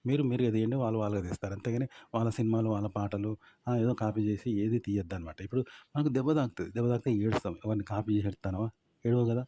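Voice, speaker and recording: Fast-talking Telangana-accented man. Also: fairly low pitch, mellow, dry recording. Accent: Telangana Telugu. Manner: repetitive, emphatic, asks rhetorical questions. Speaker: content-making tips presenter. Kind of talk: informal advice monologue.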